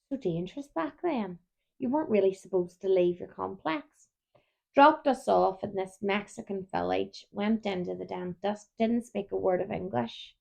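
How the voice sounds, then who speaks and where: A chatty woman in her thirties, co-hosting a relaxed conversation. Her voice carries a gravelly, creaky edge. She tells long stories and keeps yawning. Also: mid-range voice. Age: 30s. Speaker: podcast co-host. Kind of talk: casual chat.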